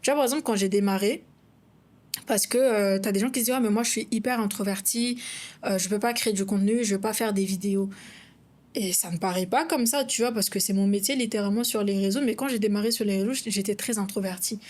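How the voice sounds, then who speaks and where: A woman's voice: mid-range voice, quick pace, a little mellow. A young adult woman co-hosting a casual couple's podcast, talking in a chatty, reflective way with frequent asides to her partner. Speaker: podcast co-host.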